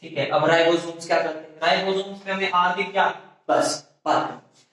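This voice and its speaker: A man's voice: sits high, steady tone, moderate pace, fairly bright tone, distant mic. Man teaching in a very echoey room. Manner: repetitive call-and-response questioning, frequent self-corrections. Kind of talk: classroom biology lecture in Hindi-English mix.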